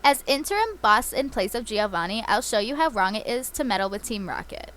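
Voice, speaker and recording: A woman's voice: fairly high pitch, expressive, brisk, fairly bright tone. A woman reading aloud the lines of a scheming female villain from a game, in a mock-menacing tone. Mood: taunting.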